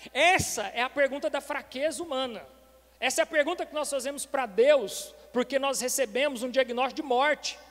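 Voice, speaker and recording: Male pastor, very high voice, preaching with rhetorical questions, church hall with long reverb. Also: a bit bright. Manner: preaching with rhetorical questions, repeatedly addressing "irmãos". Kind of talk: sermon.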